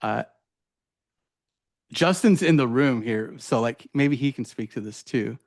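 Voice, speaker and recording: A man's voice: medium pitch, expressive, a little slow. A man presenting a teaching strategy at a workshop, in a casual, chatty way with many fillers and tag questions. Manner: casual, filler-heavy, says "right?" often. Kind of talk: conference workshop demo.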